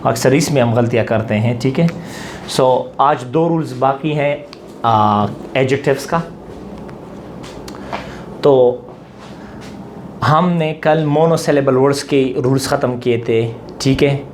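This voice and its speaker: A man teaching English grammar in a classroom-style lecture, explaining step by step and often pausing to check that students follow. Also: medium pitch, darkish tone, a little hiss or hum.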